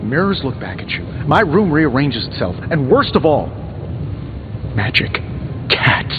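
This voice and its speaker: An American man playing a cocky, sarcastic superhero inventor with glib, quick-witted banter in a video game. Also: fairly high pitch, very animated. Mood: joking, flippant. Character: cocky, wisecracking male superhero inventor in armour. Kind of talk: video game dialogue acting. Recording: dull game audio with music behind.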